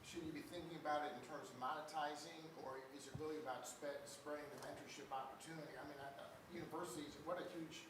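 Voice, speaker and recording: A man's voice: fairly high pitch, steady tone, fast, hardly any pauses. A man speaking off the cuff as a competition judge, giving questions and feedback. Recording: distant, very echoey, noisy room.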